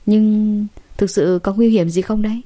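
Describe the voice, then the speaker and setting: A woman's voice: medium pitch, steady tone, unhurried, warm tone, natural voice. A woman voicing a worried, polite young man in an audiobook story, asking anxious questions. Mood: concerned.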